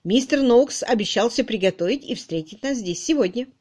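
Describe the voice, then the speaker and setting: A woman voicing a ceremonious, soft-spoken gentleman in an audiobook. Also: a little high, lively intonation, normal speed, breathy edge, pitched above the performer's own voice. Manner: formal, subdued. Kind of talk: audiobook reading.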